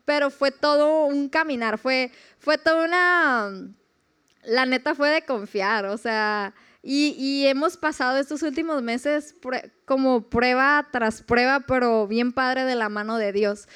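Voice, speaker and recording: A young woman with a Mexican accent telling a personal faith story casually, animated and acting out the voices she quotes. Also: high voice, unhurried, smooth. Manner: animated, acts out quoted voices, laughs often. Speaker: speaker sharing a personal testimony.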